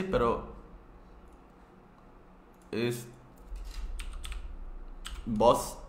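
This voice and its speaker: Slow, patient man teaching. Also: medium pitch, a bit bright. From South Korea. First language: Korean. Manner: patient, repeats each word slowly several times; frequent restarts and "este" fillers. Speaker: Korean language teacher. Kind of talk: live online language class. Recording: echoey room with faint background noise.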